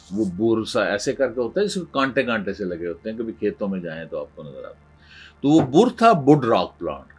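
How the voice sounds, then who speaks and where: A male professor, lecturing in an animated storytelling way with fillers and restarts. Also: medium pitch, breathy edge. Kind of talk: lecture on creativity. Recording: faint background music.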